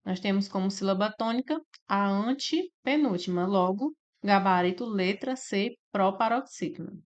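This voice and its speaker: A woman's voice: mid-range voice, highs cut off. Brazilian woman teaching grammar from slides. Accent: Brazilian Portuguese. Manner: explains step by step, drawn-out syllables, frequent "né?" and "tá?". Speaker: exam prep teacher. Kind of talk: slide-based grammar lesson.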